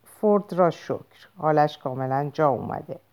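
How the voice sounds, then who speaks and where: A woman's voice: low voice, expressive, warm tone. A woman reading a storybook aloud, voicing a carefree, easily anxious young woman who pleads in a raised voice. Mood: coaxing.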